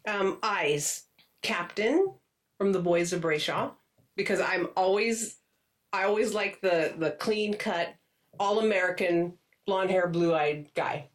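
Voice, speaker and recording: A woman's voice: on the low side, takes it slowly, far from the mic. A woman co-hosting a podcast, chatting casually and giggling often as she talks about romance books. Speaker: podcast co-host. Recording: voice a bit off-mic.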